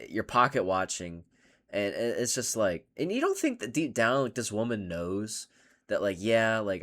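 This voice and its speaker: A man hosting a casual reaction video, ranting in an animated and sarcastic way. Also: medium pitch.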